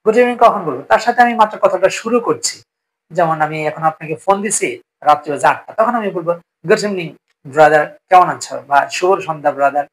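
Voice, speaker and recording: Man, teacher, spoken English lesson, fairly high voice, patient, repeats each phrase. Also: rough recording. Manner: explains slowly, repeats phrases, often asks "ঠিক আছে?".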